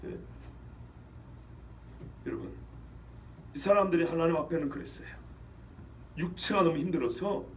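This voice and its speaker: High-voiced pastor preaching with emphatic outbursts. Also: male voice, recorded from a distance, slight background noise. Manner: emphatic, rhetorical questions, swings between loud outbursts and low asides. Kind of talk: sermon. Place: church sanctuary.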